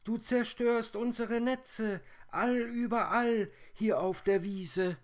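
A man voicing a chorus of tiny wailing spiders in a storybook reading, with a high, whining tone. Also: steady tone, slow pace. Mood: scolding.

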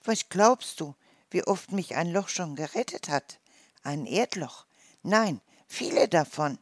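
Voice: mid-range voice, expressive, slow pace, no echo, studio quality. Ein Vorleser spricht eine kleine, kecke Waldmaus. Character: small clever forest mouse, sharp-tongued.

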